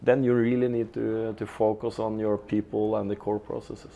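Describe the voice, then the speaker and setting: A Norwegian-accented man in his fifties, a retail executive guest, answers business interview questions in a company studio inside an office. His lowish voice is gravelly and dark, with little pitch movement, a normal pace, and lo-fi sound. He sounds hesitant, often restarting and repeating words mid-sentence.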